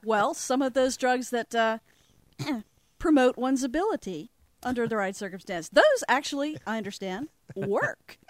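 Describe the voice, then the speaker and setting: A woman's voice: fairly high pitch, sing-song, unhurried, no echo, clean studio sound. A woman giving skeptical commentary in a casual conversation.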